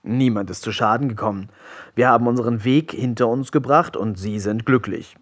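A man voicing a carefree, scheming pirate captain who talks softly and offhandedly. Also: fairly quick, natural voice. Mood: offhand. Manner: soft, low-key and offhand.

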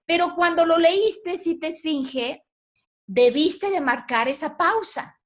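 A woman's voice: very high voice, slow. A woman teaching a poetry class online, patiently quizzing her students. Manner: patient, asks the class questions.

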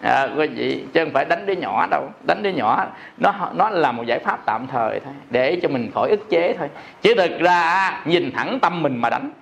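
High-voiced monk, jokey sermon. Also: male voice, expressive, moderate pace, gravelly, fairly bright tone. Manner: jokey, laughs often, peppers talk with rhetorical questions. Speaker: Buddhist monk preaching.

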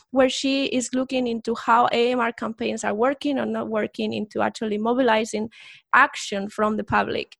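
A woman's voice: on the high side, gravelly, no room sound, studio quality. A woman co-hosting a science podcast, explaining research in detail in a casual chat. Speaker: podcast co-host.

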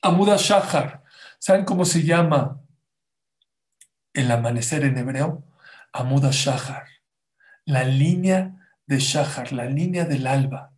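A man who gives a religious lesson and tells stories with animated, emphatic repetition. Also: mid-range voice, takes it slowly, long pauses. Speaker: religious teacher. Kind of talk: Torah lesson storytelling.

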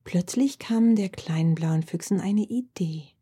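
A woman with a breathy, very mellow, lowish voice reads a children's story softly and expressively. Her tone stays warm and dark throughout. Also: unhurried. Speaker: narrator. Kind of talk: scripted narration.

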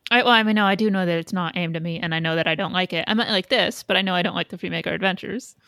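A woman's voice: lowish voice, very fast, fairly bright tone, dry recording, clean studio sound. A woman chatting casually as a podcast co-host, blunt and opinionated with casual swearing. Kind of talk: casual fan chat.

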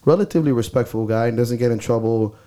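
Warm-toned and medium-pitched, this podcast co-host talks at a quick pace in casual chat. He has a stuffy nose, speaks bluntly, swears freely, and is recorded on a close mic.

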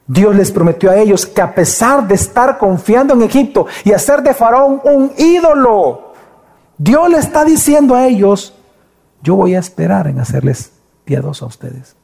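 Male pastor preaching, high pitched, mellow tone, hushed quoted lines. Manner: preaching with dramatic drops to a soft, near-whispered voice when speaking as God; addresses congregation as brothers. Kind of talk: sermon.

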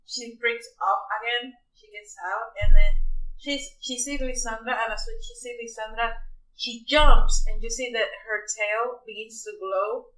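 A woman narrating moves in a tabletop game, casual and a little halting. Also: on the high side, steady tone, bright, forceful tone, echoey room, far from the mic, a little hiss or hum, low-quality recording. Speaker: player.

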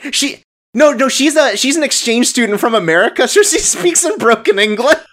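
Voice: mid-range voice, animated, fairly quick, a bit bright. A podcast co-host chatting casually about anime, rambling with lots of filler words and frequent laughter. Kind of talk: casual chat.

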